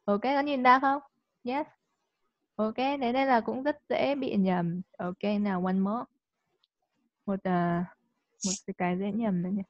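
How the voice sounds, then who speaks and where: A woman teaching English in a live online class. She coaxes the student and checks understanding with quick tag questions. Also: mid-range voice, steady tone, dry recording. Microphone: video call. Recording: dull lo-fi call audio.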